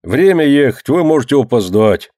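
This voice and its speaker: A man voicing a serious, quiet family friend. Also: mid-range voice, expressive, normal speed, no room sound, studio quality, pitched above the performer's own voice.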